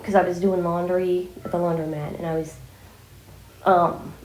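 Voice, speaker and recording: A woman's voice: fairly low pitch, level tone, moderate pace, a little mellow. A woman talking casually in a rambling, informal vlog style while fighting a cold and a scratchy sore throat. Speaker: vlogger addressing viewers. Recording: echoey room.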